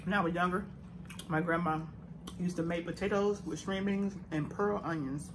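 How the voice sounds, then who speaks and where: A woman's voice: on the low side, fairly even intonation, normal speed. A woman hosting a mukbang and chatting casually with viewers. She talks with her mouth full of food and hums between bites. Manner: addresses viewers directly, hums while chewing. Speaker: mukbang host. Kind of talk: casual chat while eating on camera. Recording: noisy background hiss.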